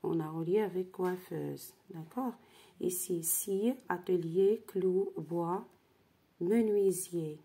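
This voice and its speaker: A woman's voice: on the low side, slow, dark tone, slightly rough. A woman teacher walks through a worksheet, spelling out syllables and checking in with "d'accord?". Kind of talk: slow worksheet lesson.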